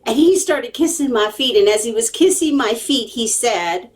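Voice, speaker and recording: Far from the mic, a woman with a fairly high, animated voice tells a story to camera at a moderate pace. It's casual and chatty storytelling, emphatic and digressive, with frequent check-ins with her viewers.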